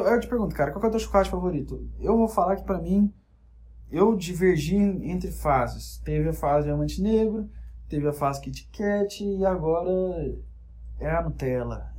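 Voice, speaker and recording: Rambling jokey man with a high voice. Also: a little mellow. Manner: rambling, jokey, self-interrupting. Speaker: podcast host. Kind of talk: casual solo podcast monologue.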